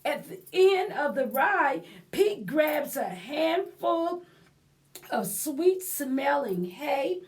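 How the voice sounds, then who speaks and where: Reading a picture book to a group of young children at the library, a woman with a high voice performs expressively. She pauses now and then to explain details and get the kids to respond.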